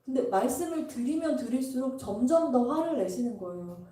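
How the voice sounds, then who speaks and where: A woman's voice: high voice, animated, brisk, dark tone. A middle-aged woman, a pastor's wife, telling a church testimony story and acting out the dialogue in it. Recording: echoey hall, mic at a distance.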